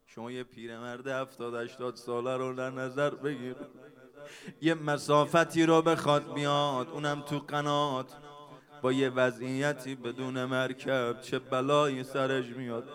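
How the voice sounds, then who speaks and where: A man's voice: medium pitch, little pitch movement, a bit bright. A man leading a religious mourning gathering, chanting a sung lament and telling the story in spoken passages between verses, pleading with his listeners to cry out. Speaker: mourning eulogist.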